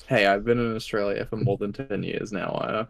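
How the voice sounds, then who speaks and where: A man's voice: on the low side, fairly even intonation, fairly quick, vocal fry. A man co-hosting a movie podcast, arguing his point hesitantly with repeated restarts. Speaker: podcast co-host. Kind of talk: casual chat.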